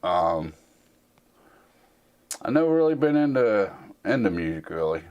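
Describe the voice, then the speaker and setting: Low-voiced folksy man in his forties. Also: big pitch swings, a little slow, darkish tone, muffled recording. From United States. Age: 40s. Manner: rambling and folksy, plain-spoken with many fillers. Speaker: host answering viewer questions. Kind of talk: casual Q&A chat.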